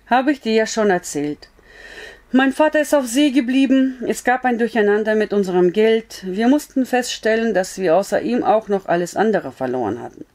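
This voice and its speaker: A woman's voice: on the high side, expressive, moderate pace, darkish tone, pitched above the performer's own voice, close to an everyday voice. A woman reading a story aloud, voicing a frank, blunt but comforting young woman in an earnest, raised voice.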